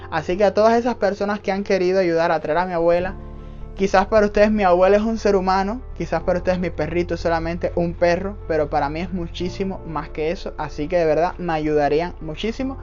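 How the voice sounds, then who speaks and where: A man's voice: high-pitched, fairly even intonation, quick pace, a little mellow. A young Cuban man with a Cuban accent, casually answering viewer questions in a vlog, earnest and emphatic and often calling his viewers family. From Cuba. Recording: dull lo-fi audio with faint background music.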